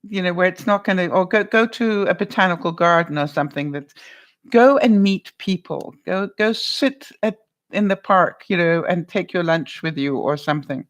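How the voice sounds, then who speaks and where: On her livestream, a lively woman vlogger responds to viewers by name in casual conversation, quick to laugh. She has a loud voice that carries and sits on the low side.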